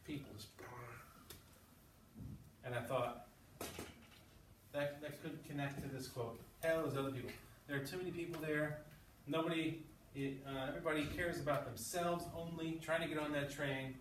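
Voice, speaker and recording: A man teaching English speaks in a steady, high-leaning voice at normal speed, pausing often as he explains, reads aloud and checks in with short questions. The mic is distant, so the audio is off mic and echoey with classroom background noise.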